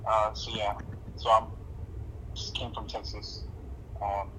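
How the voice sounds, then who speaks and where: A man's voice: lowish voice, level tone, slow, a bit bright, slight background noise, rough recording. A young man from Somalia answering interview questions in a casual, hesitant way, with many fillers and restarts. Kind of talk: casual oral history interview.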